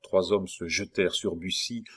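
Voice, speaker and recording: Deep-voiced male audiobook narrator. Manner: steady, measured storytelling. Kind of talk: audiobook reading of a classic novel.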